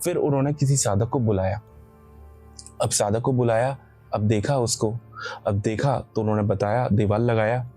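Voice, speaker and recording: Husky, mellow man rambling through a horror story. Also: lowish voice, steady tone, normal speed, faint music behind. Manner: rambling, self-correcting, frequent filler asides. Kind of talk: casual spoken horror narration.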